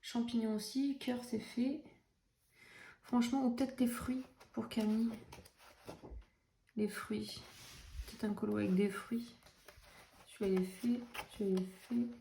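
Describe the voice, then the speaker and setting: Young adult woman, casual vlogger. Chatty and self-mocking, warm tone, echoey home room. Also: fairly high pitch, fairly even intonation, measured pace, creaky, pauses often. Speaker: coloring vlogger. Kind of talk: casual chat. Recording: echoey room, faint noise.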